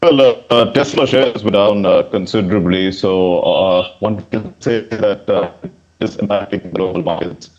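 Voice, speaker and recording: A man with a low voice speaks as a news correspondent over a remote link whose audio keeps glitching and distorting. The sound is dull and lo-fi. He answers haltingly, padding his words with fillers. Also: darkish tone. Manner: hesitant, many fillers. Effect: glitching, distorting audio feed. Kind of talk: live remote news interview.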